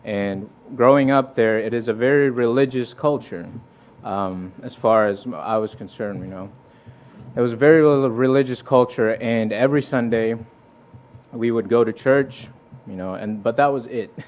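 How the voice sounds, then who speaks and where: A young Fijian man, visiting a church as guest preacher, shares his personal testimony in a sermon, speaking earnestly and conversationally while restarting sentences and quoting scripture. His medium-pitched voice is a little mellow and moves at a moderate pace.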